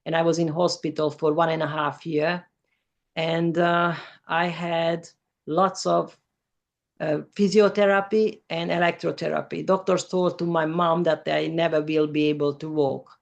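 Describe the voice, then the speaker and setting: A woman speaks careful, simple English as an interview guest. Her voice has a gravelly, creaky texture. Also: sits low, level tone, measured pace, dull audio. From former Yugoslavia. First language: Hungarian. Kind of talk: personal testimony in an interview.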